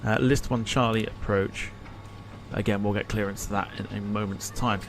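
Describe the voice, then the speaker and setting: A man's voice: lowish voice, steady tone, normal speed, slight background noise. A man giving casual live-stream commentary as a flight simulator pilot, informally thinking aloud as he works through tasks.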